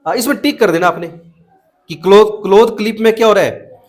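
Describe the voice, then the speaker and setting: Speaking at a normal pace in a high voice, a young man leads a children's math class in a blend of Hindi and English. He keeps asking questions over and over, nudging his students toward answers.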